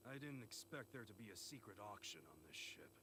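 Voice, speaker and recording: Animated, wisecracking little detective creature. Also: male voice, fairly low pitch, a little fast, poor audio. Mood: wry. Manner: sardonic, teasing. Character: wisecracking talking Pikachu detective, small, gruff middle-aged male. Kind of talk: video game voice acting. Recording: game audio with music underneath.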